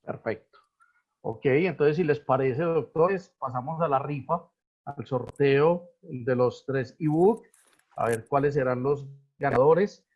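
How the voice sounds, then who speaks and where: A man's voice: mid-range voice, slow. Man moderating a lo-fi webinar. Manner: hesitant, with frequent fillers and restarts. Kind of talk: hosting a live video webinar. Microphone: video call. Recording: lo-fi video call audio.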